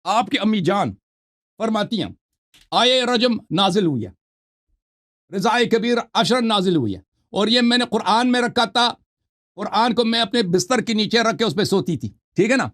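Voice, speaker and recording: A man hosting a call-in show, arguing a religious debate forcefully, reading out passages and talking over his opponent. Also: high voice, expressive. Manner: combative, talks over the caller, reads out book passages. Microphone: online call.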